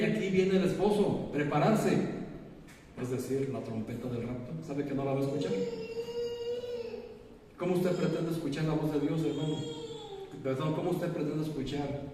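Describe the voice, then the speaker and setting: A man's voice: medium pitch, mellow, a little hiss or hum. A man, preaching a sermon as pastor, asking his congregation rhetorical questions. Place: church sanctuary. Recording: echoey church hall, preacher far from mic.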